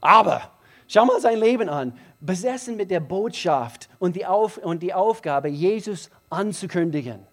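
A man delivering a sermon in a fairly high voice. He is emphatic and repeats key phrases, swinging from hushed, intimate passages to loud, driving emphasis. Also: expressive, measured pace. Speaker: preacher.

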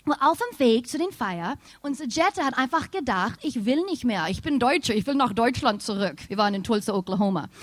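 Animated woman preaching, German. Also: a little high, brisk, few pauses, no echo. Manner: animated storytelling, addresses congregation directly. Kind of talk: sermon with personal story.

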